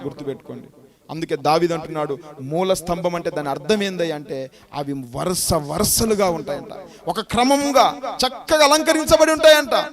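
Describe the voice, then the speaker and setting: A man with a Telugu accent preaching a sermon to youth, firing rhetorical questions and swinging from loud urging to hushed warnings. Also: high voice.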